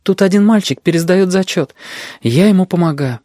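A subdued young female student in an audiobook, quiet and apologetic. Her voice sits higher than the reader's own as a man voices her, recorded close and dry. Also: moderate pace, no room sound, close to an everyday voice.

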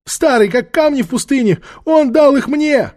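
A man's voice: very high-pitched, animated, moderate pace, a little mellow, voice pushed up. A male narrator voicing a hysterical old nomad woman who whines and shrieks her answers in a storybook reading. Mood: shrill whining. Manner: whining, shrieking. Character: shrill hysterical old nomad hag, female.

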